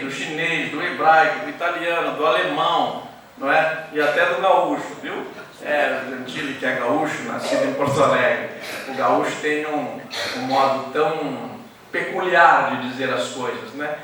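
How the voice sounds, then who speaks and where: Echoey, bright-voiced man giving a ceremonial speech. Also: on the high side, slight background noise. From Santa Catarina, Brazil. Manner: erudite, digressive, drops in Latin phrases. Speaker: academy member giving a tribute speech. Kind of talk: formal ceremonial speech with jokes. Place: embassy reception hall. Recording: echoey hall, mic far off.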